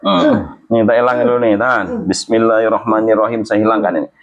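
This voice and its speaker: Guy treating a patient, jokey and reassuring, deep voice, sounds like a phone. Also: steady tone, fairly quick, dull audio, crowd noise. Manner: joking and reassuring, with frequent religious exclamations. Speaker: healing therapist. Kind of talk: casual talk during a hands-on treatment.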